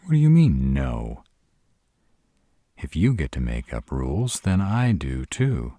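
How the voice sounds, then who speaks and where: In an intimate roleplay audio drama, a man voices a sarcastic, brooding vampire who is proud and guarded yet secretly smitten. His rumbling, dark, very animated voice is heavily acted, grumbling and sardonic, exasperated, and halting when he turns vulnerable. The studio-quality recording has no echo.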